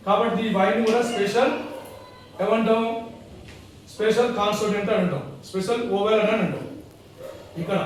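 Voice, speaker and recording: A man's voice: high voice, very echoey, distant mic, a little hiss or hum, rough recording. A man teaching a classroom lesson, repeating points and asking and answering his own questions.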